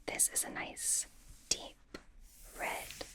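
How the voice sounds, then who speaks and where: This ASMR roleplay offers personal attention from a performer cast as a young pop idol turned fashion stylist, doting yet bossy. She whispers softly and breathily, halting as she gushes playfully and presses gently. It all comes across as doting and reassuring.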